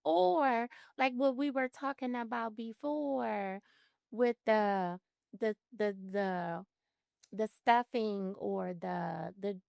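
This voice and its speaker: A woman's voice: fairly high pitch, slow pace, vocal fry, darkish tone, dry recording, studio quality. A woman therapist, a guest on a podcast, explaining patiently and acting out her clients' words. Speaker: mental health therapist guest. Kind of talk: casual podcast conversation.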